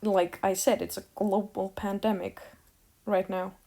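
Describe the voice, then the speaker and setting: Slow, mellow teenage girl from Iceland. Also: medium pitch, flat delivery. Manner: rambling, sarcastic, with frequent fillers. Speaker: vlogger. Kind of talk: casual rant to camera.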